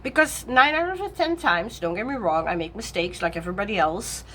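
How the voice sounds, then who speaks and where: A tarot vlogger talks through her decks in a loose, rambling chat, often backtracking, rephrasing, and breaking into easy laughs. Her mid-range voice is expressive, brisk, and fairly bright, with faint room noise beneath it.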